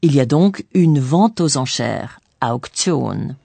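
A woman narrating a scripted language course in a didactic way, pausing on key words. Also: a bass voice, animated, creaky, dark tone, breathy edge, no echo. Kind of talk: scripted bilingual explanation.

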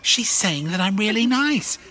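An actor playing a nervous, excitable man in an audio drama, full of exclamations and halting in German. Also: high-pitched, heavily acted. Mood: eager, reminiscing. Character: nervous, excitable, self-pleased man, Harry. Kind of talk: bilingual audio drama acting.

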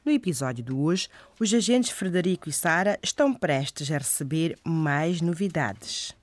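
A narrator introducing a radio drama episode in the measured, presentational manner of a serial announcer. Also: medium pitch, expressive.

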